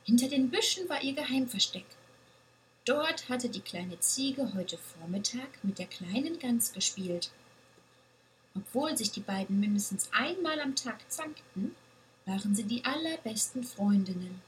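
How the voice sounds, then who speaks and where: Lady reading a kids' story slow and gentle, kinda high voice, bit of soft hiss behind. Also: poor audio. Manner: gentle, expressive read-aloud.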